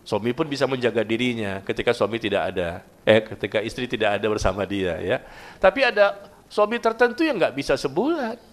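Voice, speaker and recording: A man's voice: mid-range voice, sing-song, brisk. A male preacher giving a casual, conversational sermon, asking his listeners questions and acting out little dialogues. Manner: conversational, asks the audience questions and acts out dialogue. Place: mosque gathering.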